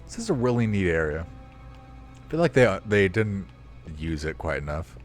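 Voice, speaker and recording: Brief: young man on a desk mic, chatty gameplay commentary, voice on the low side, faint music behind. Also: very animated, normal speed. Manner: rambling, swears freely, self-mocking. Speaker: streamer.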